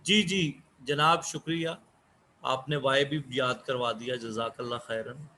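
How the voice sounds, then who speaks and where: Slow, deliberate male teacher. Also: mid-range voice, fairly even intonation, sharp tone, a little hiss or hum. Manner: slow, repeats key words. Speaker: English teacher. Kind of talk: online class lecture.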